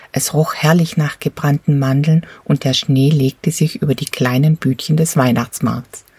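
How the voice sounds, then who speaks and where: A woman reading a children's storybook aloud in a calm, even storytelling manner. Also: low-pitched, breathy edge, no room sound. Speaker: narrator.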